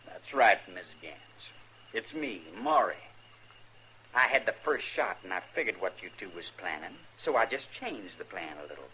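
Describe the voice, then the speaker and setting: A man's voice: on the low side, lively intonation, normal speed, bright, forceful tone, rough recording. An actor playing a cocky, possessive young gunman in a 1950s radio western, with a sneering, threatening delivery. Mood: menacing. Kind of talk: 1950s radio drama acting. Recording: old radio broadcast with faint hiss.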